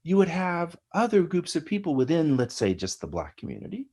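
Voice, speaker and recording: A middle-aged American man, an academic guest, explains ideas in an animated lecturing way, often tagging his points with "right?". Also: a little high, fairly quick, breathy edge. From United States. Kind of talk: explanatory interview talk.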